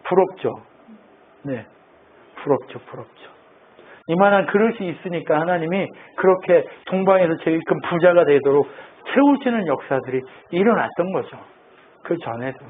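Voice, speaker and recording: A man's voice: on the high side, expressive, normal speed. A man preaching a sermon as pastor, asking the congregation questions and answering them himself. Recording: tinny phone-like line with faint noise.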